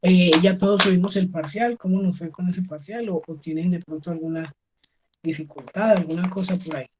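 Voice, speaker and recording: A woman teaching an English lesson over a video call, with a voice a touch lower than most. She talks patiently and stops often to check that the class is following. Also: a little fast, noisy background. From Colombia. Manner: patient, checks understanding with frequent "¿sí?". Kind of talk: online class explaining pronunciation.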